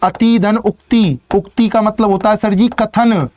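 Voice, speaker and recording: A man's voice: high voice, fairly even intonation, a little slow, darkish tone, slight background noise. A male teacher leading a live online exam-prep class. He repeats "ठीक है ना", explains step by step, and encourages students by name.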